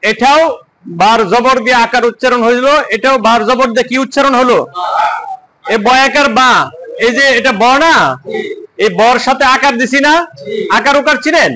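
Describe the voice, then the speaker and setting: A man's voice: very high voice, fairly even intonation, moderate pace, long pauses, crowd noise, poor audio. A man teaching Quran letters and vowel marks, drilling students with repeated questions and chanted answers. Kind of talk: call-and-response lesson.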